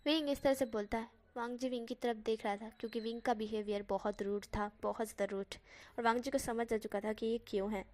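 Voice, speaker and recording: A woman's voice: a little high, steady tone, brisk, a little mellow. A woman reading a fan fiction story aloud, narrating plainly and steadily.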